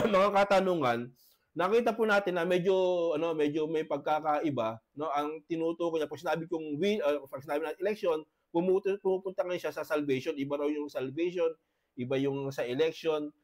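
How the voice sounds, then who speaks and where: Male pastor, high voice, coughing, halting debate speaker on a video call. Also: fairly even intonation. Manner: halting, many tag questions. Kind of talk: debate presentation.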